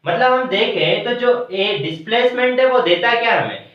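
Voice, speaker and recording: Echoey teacher explaining step by step. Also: male voice, very high voice, lively intonation, normal speed. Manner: explains step by step, asking and answering his own questions. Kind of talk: classroom math lesson. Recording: echoey room from far, dull lo-fi sound.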